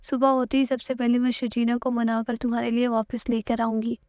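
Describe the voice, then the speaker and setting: A regretful middle-aged mother pleading with her son, read out by a woman narrator. The voice is high and dry, close to the mic. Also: little pitch movement, a little mellow, dry recording, close to an everyday voice. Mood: remorseful. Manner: plain read-aloud quote.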